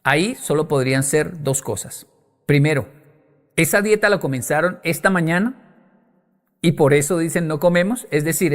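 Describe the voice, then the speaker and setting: A man giving a motivational talk on stage to an audience, emphatic and acting out the voices of the people he quotes. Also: a little high. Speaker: motivational speaker.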